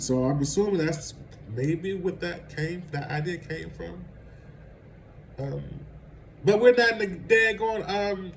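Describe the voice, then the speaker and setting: A man's voice: a little high, slight background noise, low-quality recording. A man vlogging casual celebrity gossip commentary, rambling and conversational and laughing at his own asides.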